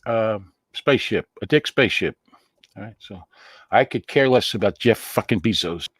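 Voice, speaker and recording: A man's voice: lowish voice, animated, normal speed, a bit bright, husky, no echo, clean studio sound. A man hosting a casual talk show, exasperated and cursing. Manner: exasperated, curses. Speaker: host.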